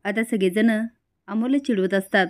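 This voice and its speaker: A woman's voice: medium pitch, normal speed, no room sound, clean studio sound. Woman narrating a story recap. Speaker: serial episode recapper.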